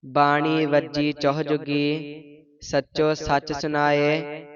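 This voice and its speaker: A man reciting scripture line by line in a measured, even chant as a student in a lesson. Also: a little high, lo-fi sound, crowd noise.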